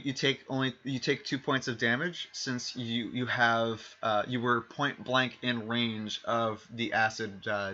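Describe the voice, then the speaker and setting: A medium-pitched man with a sharp tone narrates a tabletop game on stream as the game master. The lo-fi mic sounds dull, and his talk wanders, full of self-corrections, fillers, and false starts.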